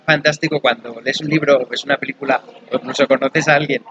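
A male novelist from Madrid speaks in a Madrid Spanish accent, mid-pitched and earnest, explaining his work at length with growing enthusiasm. The sound is a little dull and lo-fi, with a crowd murmuring clearly in the background. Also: fairly even intonation, quick pace. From Madrid, Spain. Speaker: novelist guest. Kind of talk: conversational interview.

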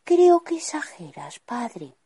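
A woman voicing a curious, headstrong young princess in a storybook, husky and exclaiming. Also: sits high, very animated, takes it slowly, mellow, no echo, clean studio sound, voice pushed up, full character voice. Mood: wondering.

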